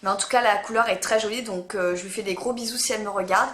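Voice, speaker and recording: A woman's voice: medium pitch, steady tone, fast talker, fairly bright tone. A woman vlogging casually to camera about nail polish, chatty and hesitant, often stumbling over her words. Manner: chatty, hesitant, full of "euh" fillers. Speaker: beauty vlogger. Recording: echoey room.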